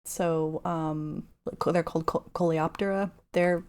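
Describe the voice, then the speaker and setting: A woman's voice: low-pitched, steady tone, a little slow, darkish tone, clean tone. A woman guest on a casual podcast, an entomologist who explains insects in plain, knowledgeable terms.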